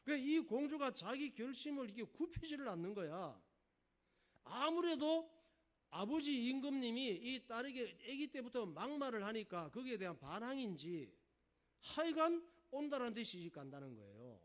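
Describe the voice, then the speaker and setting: Lively male pastor telling a story. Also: extremely high pitch, moderate pace. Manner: folksy, animated storyteller. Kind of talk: storytelling sermon.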